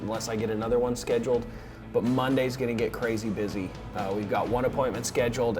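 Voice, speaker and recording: A man talking casually to viewers in a day-in-the-life vlog, like an informal coach explaining his plans. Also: mid-range voice. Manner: informal vlogger addressing viewers. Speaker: vlogger and real estate investing coach.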